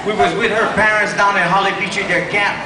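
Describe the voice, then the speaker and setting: A Cajun-accented male comedian spins folksy stand-up tales in a high voice. He is recorded from far off in a very echoey room, with loose, drawling delivery. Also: steady tone, brisk. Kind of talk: stand-up storytelling to a live crowd. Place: live comedy room with audience. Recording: echoey noisy club, far off, loud crowd.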